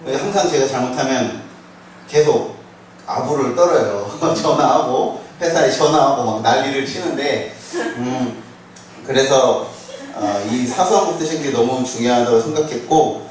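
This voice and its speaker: A man in a church small group, reflectively sharing a testimony with hesitant pauses and fillers. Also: mid-range voice, animated. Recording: echoey room, picked up from far off.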